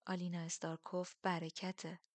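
A woman voicing a ragged, fanatical male priest who speaks in a hushed, slow, creeping way. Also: lowish voice, little pitch movement, no room sound, natural voice. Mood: hushed menace.

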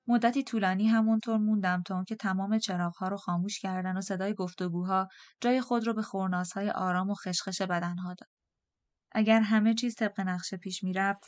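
A woman reads a novel aloud in the first person, calm and measured. Her voice sits at a middling height and is recorded dry and close, with no room sound. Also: medium pitch, no echo. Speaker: audiobook narrator. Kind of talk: first-person audiobook narration.

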